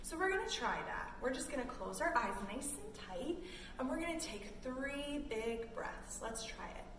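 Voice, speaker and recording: Very animated and high-pitched, this Canadian woman speaks at normal speed while reading a picture book to kids and guiding them through yoga with simple, encouraging cues. It's recorded in a room with roomy echo, a distant mic and background noise.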